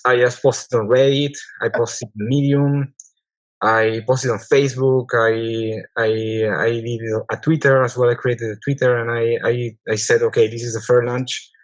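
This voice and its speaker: A man's voice: medium pitch, little pitch movement, measured pace, dry recording, rough recording. A man in his thirties from Peru, a medical doctor, chatting casually in a community AMA, hesitant with many restarts. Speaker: project founder, medical doctor.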